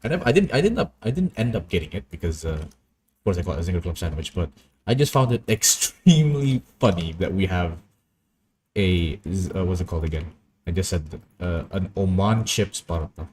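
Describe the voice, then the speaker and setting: A man's voice: deep voice, expressive, a little fast, a little mellow, a little hiss or hum. A young man chatting casually and rambling through stories while he works on an animation. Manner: rambling, anecdotal, easily amused. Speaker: animation streamer.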